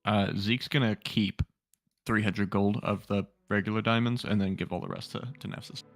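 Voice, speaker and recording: A young man playing a tabletop game, talking hesitantly with many pauses. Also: on the low side, steady tone, no room sound. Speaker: player.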